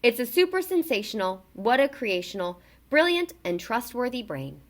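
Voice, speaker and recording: A woman's fairly high voice carries a children's story read aloud at normal speed. Her delivery is expressive and emphatic for kids, with wide swings in intonation and strong stress on words.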